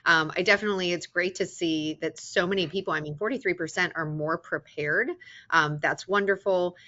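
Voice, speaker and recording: Low, bright-toned woman panelist. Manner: quick, casual, with fillers. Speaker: panelist, intelligence executive. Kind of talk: webinar panel discussion. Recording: slightly dull video-call audio.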